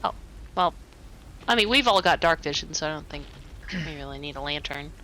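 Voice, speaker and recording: A woman's voice: deep voice, animated, brisk, sharp tone, a little hiss or hum, rough recording. A woman playing a tabletop game, chatty and eager, with a laugh now and then. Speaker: player. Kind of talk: casual tabletop play.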